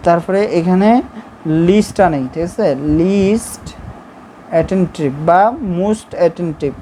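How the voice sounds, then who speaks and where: Patient Bangladeshi woman teaching grammar, dark voice. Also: fairly low pitch, unhurried, rough recording. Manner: patient, repeats points, checks in with "okay?". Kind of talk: explaining a lesson while writing on a board. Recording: faint background noise.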